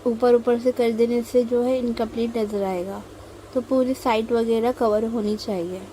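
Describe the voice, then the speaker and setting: Speaking slowly and patiently, pausing often, a young Indian mehndi tutorial host explains each step while she draws. Though her voice is slightly high, it has a warm, mellow quality rather than a bright one. The audio is poor, with a faint hiss in the background.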